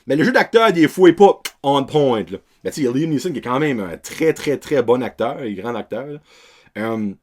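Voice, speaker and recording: A man's voice: medium pitch, lively intonation, brisk, darkish tone. A young man with a Québécois French accent, hosting a casual film review podcast in a rambling way, dropping English words and slang as he goes. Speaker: podcast host.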